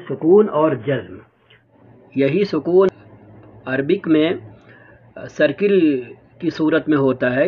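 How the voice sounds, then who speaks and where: Patient man teaching, tinny audio. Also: mid-range voice. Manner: patient, repeats and spells out sounds slowly. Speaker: Urdu reading teacher. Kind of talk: step-by-step spoken lesson.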